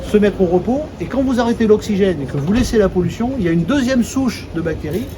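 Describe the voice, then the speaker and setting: A man whose voice sits high speaks fast with lively intonation, presenting his company's water treatment plant on site. He keeps the explanation casual and colloquial, breaking down technical points for visitors. The audio is dull and heavily noisy.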